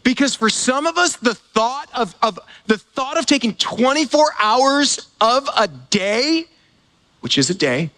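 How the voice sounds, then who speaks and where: A man's voice: very high voice, very animated, a little slow, sharp tone. A man preaching a sermon as pastor, in a conversational way full of fillers and repeated words. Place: church gathering.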